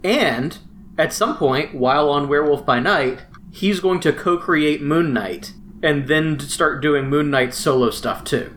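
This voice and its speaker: A man's voice: on the high side, a little slow, a bit bright, slight background noise. A man co-hosting a comic book podcast, chatting casually and often restarting his sentences. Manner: chatty, with frequent restarts and many "mm-hmm"s. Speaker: podcast co-host. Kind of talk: casual chat about comics.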